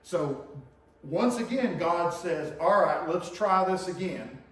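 A man's voice: high-pitched, lively intonation, slow pace, fairly bright tone, far from the mic. A middle-aged man preaching a sermon in a conversational teaching manner, often checking in with his listeners. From Tennessee, US. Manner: conversational teaching, frequent "okay?" and "right?" checks. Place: church sanctuary with projector screen. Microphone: room mic from far camera. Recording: very echoey church from afar.

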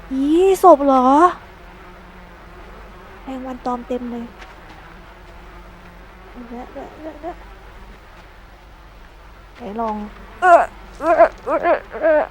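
A woman giving chatty, excitable let's-play commentary, yelping and shrieking when startled. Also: on the high side, slight background noise, poor audio. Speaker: gameplay streamer.

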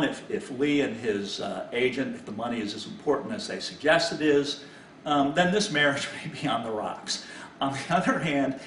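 A middle-aged sports analyst gives informal, teasing commentary in a medium-pitched, fairly bright voice. He is in a small, echoey home office, sitting a bit away from the mic, with background hiss behind him.

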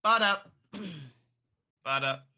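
A young man bantering casually while livestreaming a game, playful and excitable, given to mock-dramatic exclamations. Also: sits high, extremely slow. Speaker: livestreamer playing a video game.

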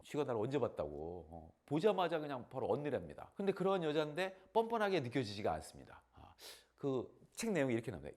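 Lively, animated male storyteller. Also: mid-range voice. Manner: animated, lively, with dramatic pauses. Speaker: speaker of a talk channel.

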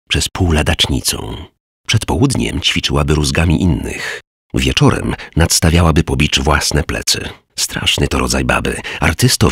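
A man's voice: very deep voice, a bit bright, husky, no echo, clean studio sound, full character voice. A man doing a sly old church beggar. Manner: knowing, sly storyteller.

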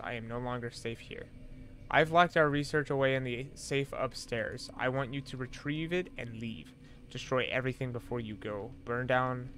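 A man's voice: mid-range voice, a bit bright, slight background noise, natural voice. A man reading as a frightened researcher's warning letter.

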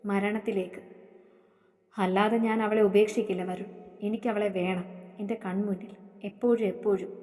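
Woman playing a threatening jealous young husband, storybook reading, mellow tone, long hall reverb. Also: medium pitch, fairly even intonation, normal speed, long pauses, lightly acted. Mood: brooding. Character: menacing possessive young husband, man.

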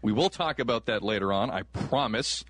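A man's voice: on the low side, lively intonation, moderate pace, a bit bright, no echo. A man co-hosting a sports talk show, bantering casually and joking around with his co-host. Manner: joking, swears freely, laughs a lot.

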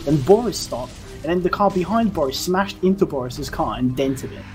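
A young man chats over a call with a friend who is gaming, teasing him and laughing as he rambles. His voice sits a little high. Loud game music plays behind him. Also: expressive, moderate pace. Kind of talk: casual chat with friends.

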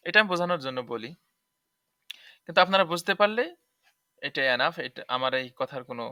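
A man teaches tajweed rules, going over each point again and asking if it is clear. His voice sits a little high and sounds bright. The recording is close and dry. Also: animated, quick pace, dry recording. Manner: explanatory, repeats points and checks understanding. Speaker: Quran recitation teacher. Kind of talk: tajweed lesson explaining rules.

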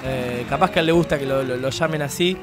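A man's voice: medium pitch, fast. A young Argentine-accented man hosts a casual radio interview on a close studio microphone. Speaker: radio host. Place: small padded radio studio. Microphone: close studio microphone with headset. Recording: faint guitar music behind.

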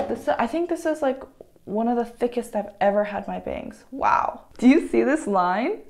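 A young woman vlogging casually while cutting her own hair, chatty and excitable, gasping and squealing in dismay and talking to herself as she goes. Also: fairly high pitch, measured pace. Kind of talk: casual vlog talk to camera.

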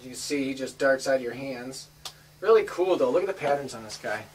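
A woman with a notably low voice hosts a relaxed family video at home. She talks in an upbeat way and keeps urging the children to join in. The sound comes from a camera a few steps off, with a faint hiss underneath. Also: a little fast. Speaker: host showing a family snake collection. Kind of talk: casual home video chat. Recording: distant home camera audio, light hiss.

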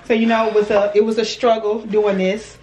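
A woman's voice: on the high side, a little mellow. A woman chatting casually to her handheld camera as a family vlogger and mother, laid-back and slangy, laughing often. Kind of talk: casual vlog chat to camera. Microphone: handheld compact camera.

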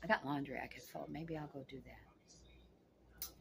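A woman in her sixties speaks in a deep, gravelly voice, a little slowly, against slight background noise. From her couch in a small room at home, she talks to the camera bluntly and with plenty of swearing in a casual vlog.

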